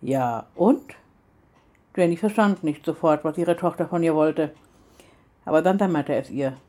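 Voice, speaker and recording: A woman reads a story aloud, keeping her narration steady and even. Her voice sits a little low. She keeps it calm and clear. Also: normal speed.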